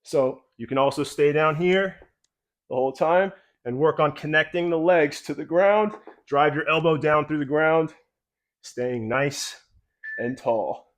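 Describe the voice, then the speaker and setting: A man coaching a mobility routine while doing the moves himself, a little out of breath, calm and encouraging. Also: on the high side, unhurried. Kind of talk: guided exercise instruction.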